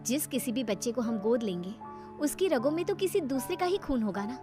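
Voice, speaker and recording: A woman voicing a soft-spoken young wife who answers her mother-in-law quietly and politely, in a cartoon story. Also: on the high side, lively intonation, brisk, music in the background, natural voice.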